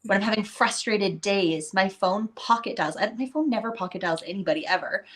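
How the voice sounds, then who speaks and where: A woman's voice: mid-range voice, fairly quick, fairly bright tone. A woman co-host chatting in a reflective, talkative way, often saying "like.". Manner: chatty and reflective, with many "like" fillers. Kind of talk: casual conversation.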